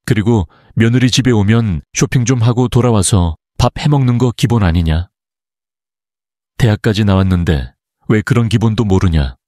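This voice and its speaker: A man's voice: fairly low pitch, normal speed, dark tone, no echo, clean studio sound, close to an everyday voice. A man voicing a rude, coarse sister-in-law who snaps and talks down to people. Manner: rude, snapping.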